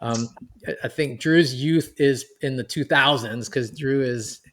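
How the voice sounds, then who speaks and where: A man in his forties from New York City co-hosting a podcast, chatty and animated as he talks. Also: mid-range voice, unhurried. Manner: chatty, animated, laughing as he reminisces. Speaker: podcast co-host. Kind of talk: podcast conversation.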